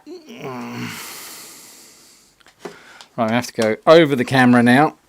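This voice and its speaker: A maker live-streams from his home workshop while painting a pinball cabinet, chatting casually in a slow, gravelly, medium-pitched voice. He's self-mocking and sometimes drops to a near-whisper as he concentrates, picked up by a separate desk mic off camera.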